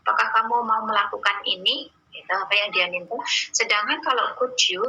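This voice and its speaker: A woman teaching an online English class, slowly reading out examples and patiently explaining them. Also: medium pitch, bright, forceful tone, husky, low-quality recording. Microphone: video call or computer mic.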